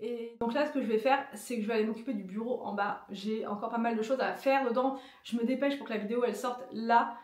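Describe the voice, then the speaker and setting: Chatty young woman vlogger, slightly high. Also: fairly even intonation, fast talker, hardly any pauses, a little mellow, slight background noise. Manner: chatty, laughs while complaining. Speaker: family vlogger. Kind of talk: casual vlog chat.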